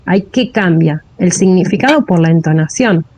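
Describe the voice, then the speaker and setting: A woman's voice: on the low side, lively intonation, normal speed, dark tone, slight background noise, rough recording. A woman with a Rioplatense Spanish accent giving a classroom lecture on linguistics, often checking in with a rising "¿sí?". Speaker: teacher.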